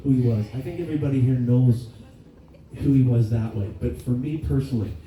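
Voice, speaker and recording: A man's voice: mid-range voice, brisk, warm tone, slight background noise. A man in his fifties giving a eulogy for his father, telling stories in a plainspoken, casual way with some swearing. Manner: storytelling with laughs and acted quotes. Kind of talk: eulogy speech. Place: memorial gathering in a hall. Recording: echoey hall, from far off.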